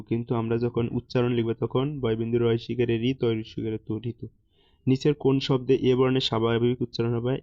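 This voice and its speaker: A man's voice: mid-range voice, no room sound. A man with a Bangladeshi Bengali accent teaching an exam-prep lesson, reading out questions and answering each one with examples. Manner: reads questions then answers them, explaining examples. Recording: dull, dry lo-fi sound.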